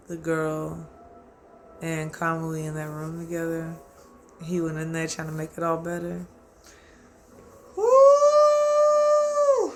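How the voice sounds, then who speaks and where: High-voiced man ranting about anime over music. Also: vocal fry. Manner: rambling, profane, excitable, quotes himself. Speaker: anime reaction host. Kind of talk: casual solo anime commentary.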